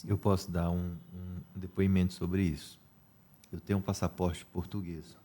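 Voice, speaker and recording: Deep mellow Brazilian man, chatty. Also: flat delivery, moderate pace. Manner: chatty, personal anecdotes. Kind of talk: casual interview talk.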